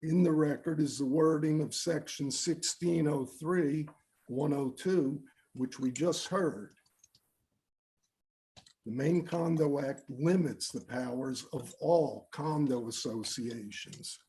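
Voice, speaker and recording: A man's voice: fairly high pitch, takes it slowly, dark tone. A man reading his prepared statement aloud from notes as the complainant at a public hearing. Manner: reads steadily from notes.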